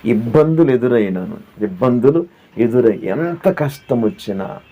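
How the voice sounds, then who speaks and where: A man's voice: medium pitch, lively intonation, normal speed. A man pastor preaching a sermon who asks the listeners questions, repeats his phrases and sings hymn lines. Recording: dull lo-fi audio with faint background.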